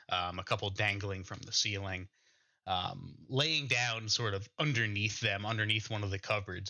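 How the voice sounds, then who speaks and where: A man runs a tabletop game in a strikingly bright, forceful voice. His narration is casual and improvised, descriptive and a little hesitant as he works out each phrase. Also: lowish voice, dull audio. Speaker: game master.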